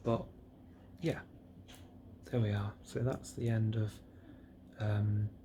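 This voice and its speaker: A man in a drowsy, relaxed state after surgery, talking casually and haltingly to himself on a vlog, subdued and trailing off between phrases. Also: on the low side. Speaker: patient vlogger recording a health diary. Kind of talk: casual solo vlog, rambling reflection. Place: indoors, alone in a private hospital room. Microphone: self-recording on a device with a screen. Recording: noisy room ambience.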